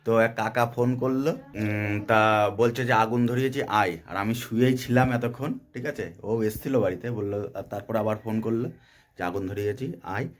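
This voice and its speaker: A man with a voice gone hoarse from a cold, chatting casually and directly to his viewers as a vlogger, outdoors by a bonfire on a cold day. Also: lowish voice, steady tone, fairly quick. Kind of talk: casual vlog chat.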